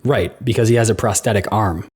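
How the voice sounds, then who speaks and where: A man co-hosting a film podcast in casual chat, jokey and quick to laugh. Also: fairly low pitch, a little mellow, husky. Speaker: podcast co-host.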